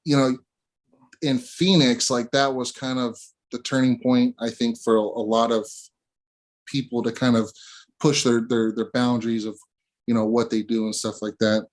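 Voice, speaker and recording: A man's voice: mid-range voice, level tone, moderate pace. A man hosting a casual interview, talking in a laid-back way with lots of slang fillers. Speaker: interview host.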